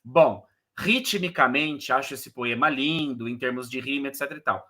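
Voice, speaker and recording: Bright-voiced man teaching poetry. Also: mid-range voice, normal speed. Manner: casual explanatory, frequent "né" and "beleza"; counts syllables and recites verses aloud. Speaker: poetry course instructor. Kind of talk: online lecture on verse rhythm.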